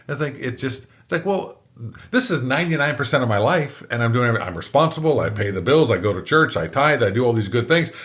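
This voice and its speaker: A middle-aged comedian guesting on an interview show tells candid, conversational stories with self-mocking humor, acting out the quoted exchanges in different voices. His voice is medium-pitched and a bit bright.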